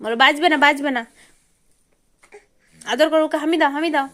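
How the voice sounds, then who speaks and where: A mother coaxing her toddler in sing-song baby talk, asking playful questions and scolding gently. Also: sits high, brisk.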